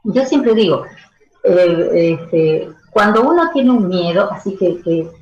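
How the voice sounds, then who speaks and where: A woman's voice: lowish voice, animated, slow, a little mellow, echoey room, highs cut off. A woman giving expert advice as a radio interview guest, explaining with everyday analogies. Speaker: stress management educator.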